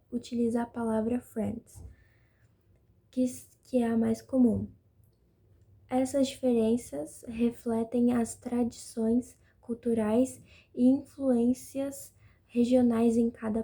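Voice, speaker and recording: A woman's voice: on the high side, slightly rough. A young woman reading a prepared text for a school presentation. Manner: reads a flat prepared text. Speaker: student presenter.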